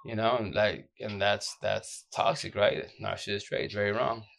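Man, low-pitched groggy voice, worn out from lack of sleep, blunt, slangy, repetitive, casual advice monologue. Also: level tone, moderate pace, vocal fry, a bit bright. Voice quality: deep, groggy voice. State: exhausted, short of sleep. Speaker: social media advice streamer.

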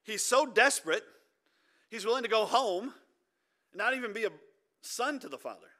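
A man preaching a sermon as pastor in a church, emphatic, swinging between loud urging and quiet intensity. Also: very high-pitched, animated, normal speed.

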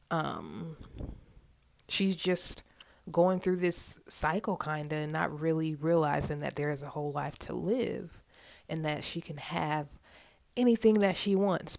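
Low-voiced woman telling a story casually. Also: vocal fry, dry recording. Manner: casual, slangy, swears freely. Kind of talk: freestyle storytelling.

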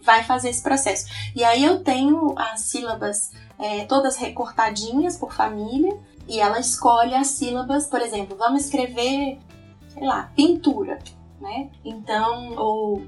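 A woman with a Brazilian Portuguese accent talks through her teaching process in an earnest, explanatory way, checking in with frequent tag questions. Her voice is a little higher than usual and sounds slightly distant from the microphone. Faint music plays in the background. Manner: earnest, often tags "né". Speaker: educator. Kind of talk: explanatory presentation.

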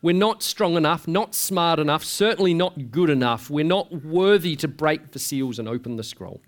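A man delivering a sermon in a chatty, searching way, with his voice sitting a bit higher than most men's. He keeps asking the listeners questions and trips over his words as he restarts. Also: animated, moderate pace. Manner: conversational, with frequent restarts and rhetorical questions. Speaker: pastor.

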